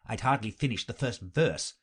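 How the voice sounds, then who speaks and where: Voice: mid-range voice, animated, moderate pace, slightly rough. A reader voicing an eccentric grown man who rambles theatrically, swinging between mournful and bossy.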